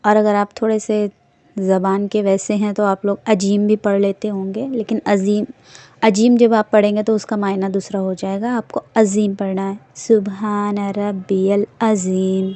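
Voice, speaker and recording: A woman giving a religious lesson, earnestly correcting common mistakes and slowing down to spell out recited phrases. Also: medium pitch, dark tone, no echo. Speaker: religious teacher. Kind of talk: instructional talk on prayer.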